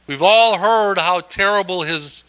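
A man leads a church Bible study at an unhurried pace, folksy and easygoing with frequent amens. His voice has a bright, forward edge. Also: high-pitched, clear, resonant tone. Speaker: lay preacher leading Bible study. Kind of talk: casual church teaching.

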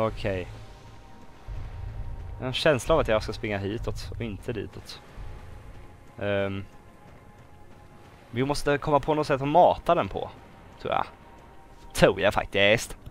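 A man's voice: fairly low pitch, long pauses, soft background music. A young man casually commenting while playing a game, talking to himself, pleading and exclaiming as he goes. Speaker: gaming video host. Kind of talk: casual let's-play commentary.

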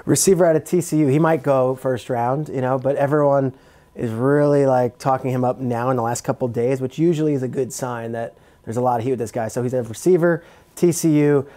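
Jersey guy sports reporter, mellow voice, rattling off football stuff casually. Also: medium pitch, steady tone. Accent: New Jersey. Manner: chatty, quick insider talk with many fillers. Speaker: NFL reporter guest. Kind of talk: casual podcast chat.

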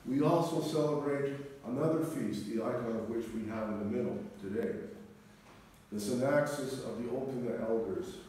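The recording, made on a distant camera mic, is echoey with faint noise: a middle-aged Orthodox priest preaching from the front of a big church. He has a warm, mid-range voice and a solemn, deliberate delivery marked by measured pauses.

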